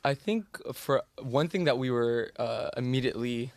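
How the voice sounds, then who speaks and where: A young man from the United States, a group member, answering in a halting, sincere way. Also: mid-range voice, no echo.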